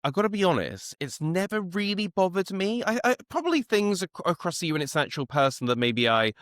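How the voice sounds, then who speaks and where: A man's voice: high-pitched, very animated, brisk, a bit bright, no echo, studio quality. A man hosting a casual podcast chat, talking in an informal, self-deprecating, unbothered way. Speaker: host and media commentator.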